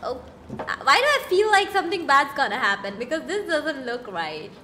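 A woman's voice: high-pitched, big pitch swings, moderate pace, bright, forceful tone, a little hiss or hum. A woman streaming a game live, chatting casually and giggling with her viewers.

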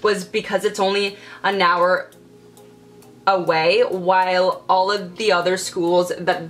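With soft music behind her, a young woman talks through her makeup routine in her bedroom for a casual get-ready-with-me video. Her fairly low voice is slow and flat in delivery, marked by stuttered repetitions and blocks.

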